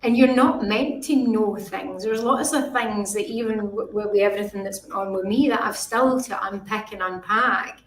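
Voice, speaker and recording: A woman hosting an online interview, mid-pitched and thoughtful, often restarting as she gathers her thoughts. The room around her adds a noticeable echo. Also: moderate pace, hardly any pauses. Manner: reflective, searching for words with restarts. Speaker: host. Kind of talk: live-stream interview chat. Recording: roomy echo.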